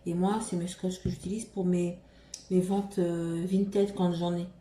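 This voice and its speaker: A woman's voice: lowish voice, little pitch movement, unhurried, dark tone. A woman vlogger chatting casually about a shopping haul, hesitant, with many fillers and restarts. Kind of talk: casual haul vlog chat. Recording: roomy echo, faint room ambience.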